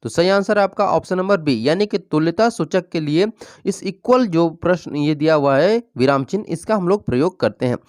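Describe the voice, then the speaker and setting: A teacher giving an exam-prep lesson, reading out multiple-choice questions and explaining each answer in a steady, explanatory way, often pausing to check in with the class. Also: medium pitch, no echo, clean studio sound.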